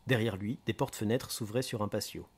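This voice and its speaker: Man narrating an audiobook, steady and measured. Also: on the low side, slightly rough. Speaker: reader.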